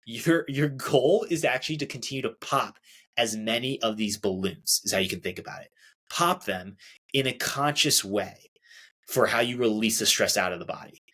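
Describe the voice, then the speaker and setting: A man's voice: medium pitch, moderate pace, a bit bright. A young adult man hosting a solo self-help podcast, talking casually, restarting phrases and acting out quoted reactions. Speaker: podcast host.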